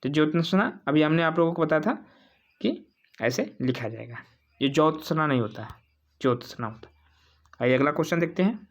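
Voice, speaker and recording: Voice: mid-range voice, lively intonation, a little fast, pauses often. A teacher walking through exam spelling questions, asking the viewers and then answering, repeating each word several times. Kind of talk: exam-prep quiz walkthrough.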